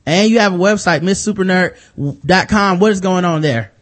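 A man's voice: high voice, normal speed. An American man hosting a podcast, talking in a laid-back way with lots of ums and uhs. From United States. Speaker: podcast host. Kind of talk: casual chat.

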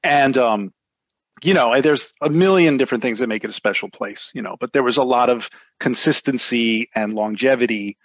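A middle-aged American music industry lawyer reminisces casually as an interview guest, his mid-range voice at a normal speed. He rambles, constantly saying "you know" and other filler phrases, on a muffled recording with no room sound.

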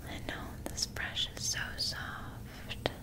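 A woman in a whispered role-play as a gentle, doting fairy guide, breathy and soothing, giving close personal attention. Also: slow pace, close to an everyday voice.

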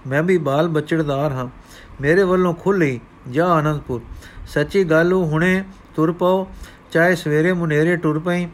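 A man's voice: a little high, fairly even intonation, natural voice. Man playing a nervous village farmer. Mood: uneasy. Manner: hurried, uneasy.

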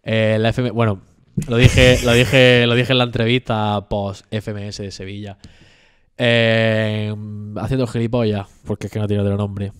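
A young man from southern Spain with an Andalusian accent, telling a story as a guest in a relaxed, slang-heavy chat. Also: fairly low pitch, moderate pace, clear, resonant tone. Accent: Andalusian Spanish. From Almería, Spain. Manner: slangy, animated storytelling, full of street fillers. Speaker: rapper and freestyle battler, guest.

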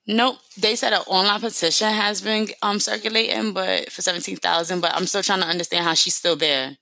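Gravelly, bright-voiced New woman. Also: mid-range voice, steady tone, dry recording. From New York. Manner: rambling, slangy, fast talking. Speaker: podcast host. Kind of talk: casual podcast monologue.

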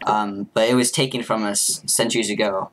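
A young man as game master, narrating a tabletop game in a casual, halting way. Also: on the low side, steady tone, a bit bright, a little hiss or hum.

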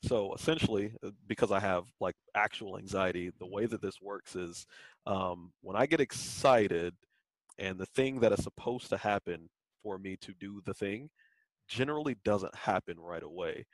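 A man co-hosts a casual podcast chat in a fairly low voice. He talks candidly, meandering through fillers. The sound is dry and close, with no room around it. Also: moderate pace, no echo, rough recording. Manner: candid, rambling, many fillers. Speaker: podcast co-host.

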